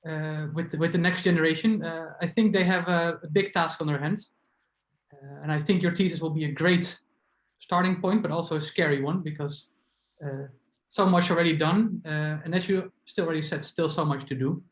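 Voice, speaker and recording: Brief: friendly hesitant man, higher voice, roomy echo. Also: steady tone, normal speed. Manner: friendly and hesitant, many uhs. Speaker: committee member. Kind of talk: congratulatory speech on a video call. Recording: echoey room on a call.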